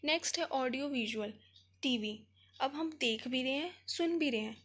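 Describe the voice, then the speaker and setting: A woman with an Indian accent gives an exam revision lecture in a high voice. She explains each point in Hindi mixed with English terms. She reads every heading out slowly before going on. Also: a bit bright, slight background noise. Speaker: teacher.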